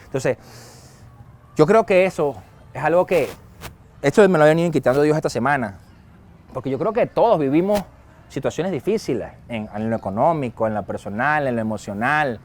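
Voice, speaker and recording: Man, pastor, high voice, lively sermon, acted-out dialogue. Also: moderate pace, pauses often, slight background noise. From Venezuela. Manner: lively, acts out quoted dialogue and chuckles often.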